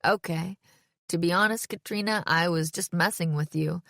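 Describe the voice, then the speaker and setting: A woman's voice: lowish voice, normal speed, vocal fry, a bit bright, no echo, studio quality. Woman voicing a sardonic teenage girl, teasing. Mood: wry. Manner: teasing, mock-enthusiastic. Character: sardonic teenage girl, poetry slam host.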